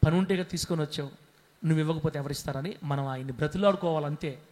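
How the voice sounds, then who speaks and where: A man pastor preaching a sermon with passion, swinging between hushed and loud passages and calling on the congregation to answer aloud. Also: fairly high pitch, very fast. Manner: calls on the congregation to respond aloud.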